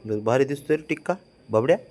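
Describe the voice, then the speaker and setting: A man talking casually to his pet cat, coaxing, pleading and gently scolding it. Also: mid-range voice, quick pace. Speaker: pet owner.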